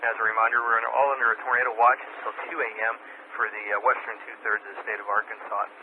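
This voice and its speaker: A man's voice: medium pitch, rapid-fire. Man on a staticky two-way radio. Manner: steady reading, spells out county names, some fillers. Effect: heard over a two-way radio with static. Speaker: amateur radio net control operator. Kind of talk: reading weather bulletins over a radio net. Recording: tinny radio transmission with static hiss.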